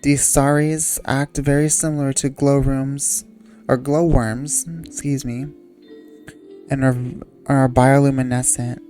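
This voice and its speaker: A sleepy, yawning woman hosting a channel, reading wiki entries aloud in a halting way and stumbling over words. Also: very deep voice, level tone, dark tone, faint music behind.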